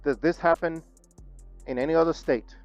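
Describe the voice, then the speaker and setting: An indignant man rants into the camera in a talking-head vlog, stumbling and repeating words as he goes. His voice sits a little high for a man. Faint music plays underneath. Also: fairly even intonation, normal speed, no echo, lo-fi sound. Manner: indignant, repeats himself, stutters when angry. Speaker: vlogger.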